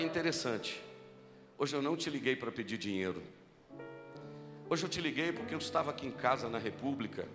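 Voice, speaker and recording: Brazilian pastor preaching in a reverberant church. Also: male voice. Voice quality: deep, strong voice. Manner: storytelling preacher, repeats key lines, rising to fervent exhortation. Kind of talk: sermon. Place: large church hall. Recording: live church recording with long reverb and music.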